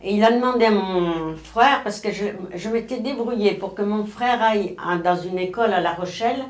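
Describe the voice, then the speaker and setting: Elderly woman from Spain, nineties, mid-pitched voice, halting and rambling, recorded in a roomy space. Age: 90s. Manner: rambling, many restarts and self-corrections. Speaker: interviewee. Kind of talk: oral history recollection. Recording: roomy, echoey room.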